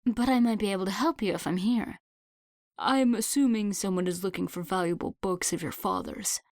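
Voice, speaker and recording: A woman reading the lines of a calm, protective man who speaks carefully and soothingly. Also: medium pitch, normal speed, no room sound, clean studio sound, natural voice. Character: calm, protective man, police officer type.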